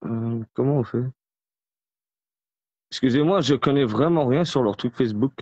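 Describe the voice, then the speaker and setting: A man's voice: medium pitch, normal speed, darkish tone, dry recording. Casting note: male live-stream host, apologetic and fumbling, dry, muffled audio. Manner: flustered, apologetic. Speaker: host of an online group live.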